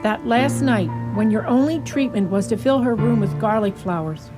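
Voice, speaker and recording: Woman acting as distraught male doctor, fairly high voice, skeptical, exclamatory, anguished, radio drama, music underneath. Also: normal speed, close to an everyday voice. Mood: angry disbelief. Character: anguished, skeptical male asylum doctor, grieving his love.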